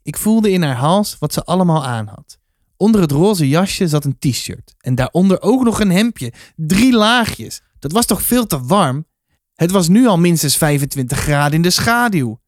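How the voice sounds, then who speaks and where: Calm man reading a children's novel aloud. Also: on the high side, normal speed, dry recording, clean studio sound. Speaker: reader.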